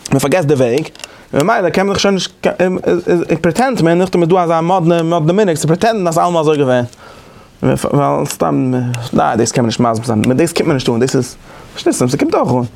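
In an informal study-group lecture, a man with a fairly high voice and some vocal fry leads a class discussion. His speech is halting, full of restarts and repeated words, yet he grows animated and emphatic. A slight hiss or hum sits under the audio.

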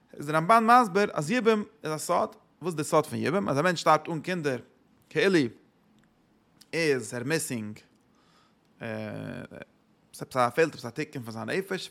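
A man's voice: fairly high pitch, gravelly, a bit bright. A man giving a Torah lecture, asking rhetorical questions and answering them, with English words mixed in.

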